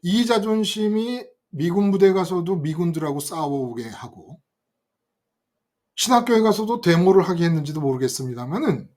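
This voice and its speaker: An older man preaching a sermon, telling a story from his youth in an animated way and speaking directly to his listeners. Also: high voice, normal speed. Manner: animated, acts out quoted voices and addresses listeners directly. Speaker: pastor.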